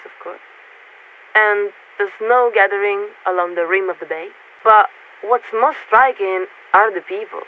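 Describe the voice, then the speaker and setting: Heard over a hissing, tinny narrowband military radio filter, this medium-pitched female voice plays a courteous but distant warship crew officer looking over a city in a game. Her delivery is formal and measured, faltering as she hunts for words, and her mood is wistful and detached.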